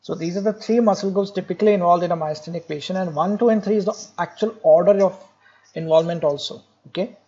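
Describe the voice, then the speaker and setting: Man, medical lecturer, jokey, repeats key points, warm tone, muffled lo-fi sound. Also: high voice, quick pace, husky. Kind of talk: classroom lecture.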